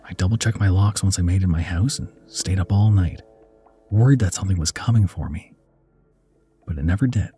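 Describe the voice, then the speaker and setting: A man reading a first-person horror story as narrator, slow and dramatic, dropping to a hushed whisper at tense moments. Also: sits low, slightly rough, soft background music.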